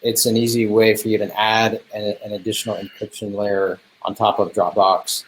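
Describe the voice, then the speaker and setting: A man's voice: lowish voice, flat delivery, normal speed, slight background noise, rough recording. A man co-presenting a business webinar, talking casually and hesitantly with many ums and restarts.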